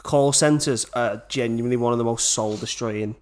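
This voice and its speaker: A man, co-hosting a podcast and asking the guest questions in a relaxed, chatty way. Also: medium pitch, moderate pace. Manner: casual, asks interview questions. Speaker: podcast host. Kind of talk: casual chat.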